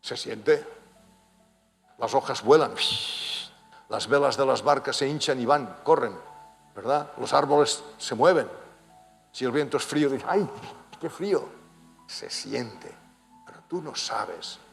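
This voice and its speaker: A man preaching a sermon to a congregation, moving between quiet explanation and loud, emphatic appeals. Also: mid-range voice, unhurried, vocal fry, long pauses, faint music behind. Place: church hall. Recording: reverberant church hall.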